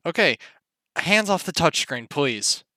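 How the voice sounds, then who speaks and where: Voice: mid-range voice, big pitch swings, sharp tone, dry recording, clean studio sound. A stream organizer in casual live-stream chat, exasperated and swearing while sorting out a moderation mistake. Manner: exasperated, swearing, quick to fix problems.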